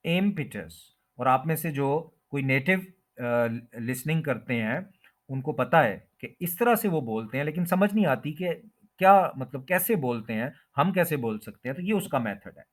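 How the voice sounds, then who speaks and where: A man teaching English word pronunciation, who repeats each word slowly and draws out the stressed syllable. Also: on the high side. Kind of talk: pronunciation lesson explained in Hindi-Urdu.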